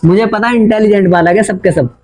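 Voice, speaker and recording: A man's voice: high voice, a little fast, darkish tone, rough recording. A man teaching a playful grammar lesson at a board, chatty and teasing his students, with a Hindi accent.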